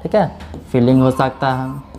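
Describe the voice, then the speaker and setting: This classroom lecture comes from a man whose mid-range, dark-toned voice is fairly even in intonation and a little slow. He goes through things step by step, keeps repeating "theek hai," and asks and answers his own questions.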